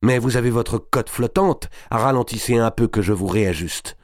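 A man voices a brawny but tender-hearted manservant who addresses his master in a deferential, soothing way. The mid-range, darkish, natural voice moves at a moderate pace, pitched above the performer's own, in clean studio sound without echo.

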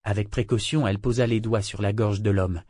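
A man narrating a novel aloud in a measured, steady reading style. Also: fairly low pitch, no echo, clean studio sound. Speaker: audiobook narrator. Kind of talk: scripted narration with character voices.

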